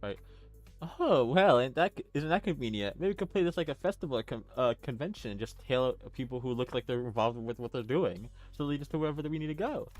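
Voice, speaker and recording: A man's voice: mid-range voice, lively intonation, quick pace, few pauses, a little mellow, no room sound, soft background music. A man on a casual livestream with friends, reading game lines in a mock-formal way between jokes. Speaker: streamer voicing a game's dialogue.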